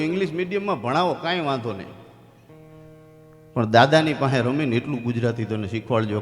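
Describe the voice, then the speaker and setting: A man with a Saurashtra Gujarati accent telling comic stories on stage before a live audience. He is animated and jumps into other people's voices. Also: mid-range voice. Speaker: comedian and storyteller. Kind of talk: live folk-stage comedy storytelling. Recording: live hall with long reverb and faint music.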